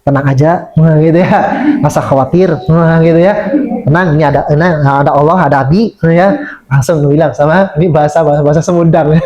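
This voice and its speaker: A man giving a lively religious lecture to teachers as an Islamic teacher, acting out children's words. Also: on the high side, fast. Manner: lively, acts out children's quoted speech. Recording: muffled lo-fi recording.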